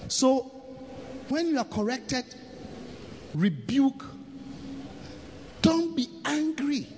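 A man with a strikingly high, animated voice delivers an emphatic sermon, swinging between shouted lines and quiet asides. The sound carries a long church-hall reverb with a faint noise floor. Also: very slow. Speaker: preacher. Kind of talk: sermon with live interpretation.

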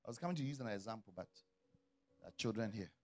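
A middle-aged man preaching a sermon as a pastor, swinging from quiet, low asides to loud shouted calls. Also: animated, quick pace, soft background music.

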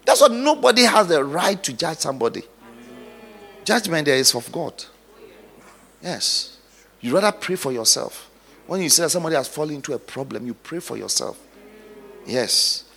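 A male pastor preaching dramatically, moving from hushed storytelling to loud exhortation. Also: on the high side, very animated, moderate pace, creaky, long pauses, slightly rough. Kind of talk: sermon. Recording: long hall reverb.

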